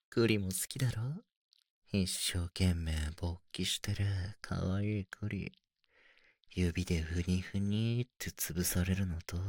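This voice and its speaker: A man playing a teasing, breathy older brother. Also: dry recording, studio quality. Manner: low, intimate, teasing murmur. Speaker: voice actor. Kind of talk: whispered role-play.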